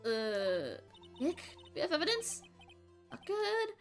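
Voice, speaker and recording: A woman's voice: sits high, huge pitch swings, slow, faint music behind, heavily acted. A woman voicing a worried young female assistant who speaks in a fretful, pleading way.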